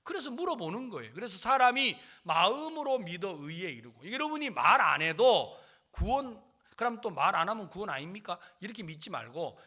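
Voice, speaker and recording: A middle-aged man preaching a sermon as pastor, telling stories and acting out the voices of people in them. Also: sits high. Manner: animated storytelling, acts out dialogue with his mother.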